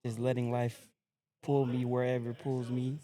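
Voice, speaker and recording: A young man from American Samoa, a podcast guest telling his story in a relaxed, laid-back casual chat. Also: mid-range voice, normal speed.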